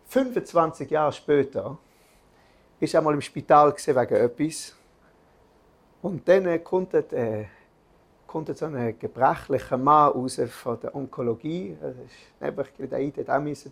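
A man's voice: fairly high pitch, creaky. A man giving an earnest religious lesson, telling a story with restarts and filler sounds.

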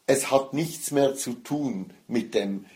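A man's voice: medium pitch, slow, warm tone. A man giving a Torah lecture, explaining and stressing Hebrew words. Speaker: rabbi teaching Torah.

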